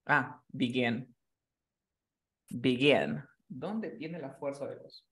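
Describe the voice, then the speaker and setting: A man's voice: medium pitch, lively intonation, slow, a bit bright, slightly rough. A man teaching a class, explaining rules patiently and often checking that his student has understood. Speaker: English teacher.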